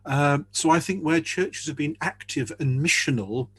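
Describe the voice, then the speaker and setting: A man's voice: fairly high pitch, normal speed, a bit bright, breathy edge, dry recording. A man speaking earnestly as a church leader in a panel discussion over a video call, often repeating words as he thinks.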